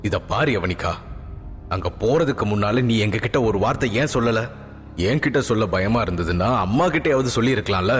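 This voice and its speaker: A man voicing a middle-aged king father who speaks low, calm and soothing. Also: normal speed, in a large hall, faint music behind, natural voice.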